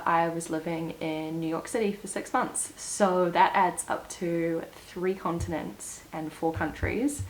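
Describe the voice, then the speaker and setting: Chatty New Zealand woman, slightly low voice. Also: slight background noise, poor audio. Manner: chatty and upbeat, with little laughs and fillers. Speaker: vlogger. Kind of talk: casual get-to-know-me vlog. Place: indoors at home, seated. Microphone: small clip-on mic.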